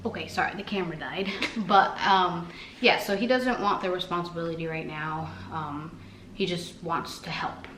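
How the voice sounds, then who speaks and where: A woman's voice: fairly low pitch, normal speed. A woman vlogger chatting casually, rambling with many fillers. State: out of breath. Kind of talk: casual chat. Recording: echoey room, faint noise.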